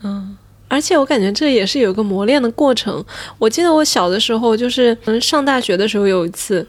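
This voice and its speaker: A woman in a relaxed, amused casual chat, reading out friends' comments and telling her own stories. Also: on the high side, brisk, no room sound.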